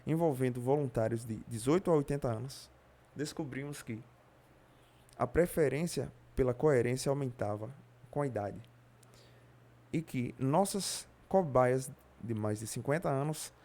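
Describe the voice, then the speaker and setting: A man with a Brazilian Portuguese accent reading a nonfiction audiobook aloud in a steady way, now and then slipping on a word and correcting himself. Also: medium pitch. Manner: steady reading with occasional slips and self-corrections. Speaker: audiobook reader.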